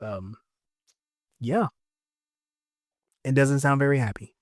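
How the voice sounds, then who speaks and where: A man's voice: mid-range voice, takes it slowly, dry recording. Man with a dry, close sound retelling an episode, joking. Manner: joking, slangy retelling with asides to listeners. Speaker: podcast host. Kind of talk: casual episode recap.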